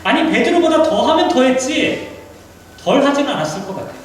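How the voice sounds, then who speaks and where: Brief: man, pastor, lively sermon delivery, voice sits high, very echoey hall, distant mic. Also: fairly quick. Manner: animated, rhetorical questions, vivid retelling. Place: church sanctuary. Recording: echoey hall, mic from afar, faint hiss.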